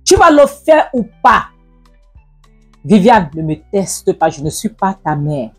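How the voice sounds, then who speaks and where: A woman voicing a stern, harsh middle-aged father who gives low, clipped commands. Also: normal speed, dark tone, breathy edge, soft background music.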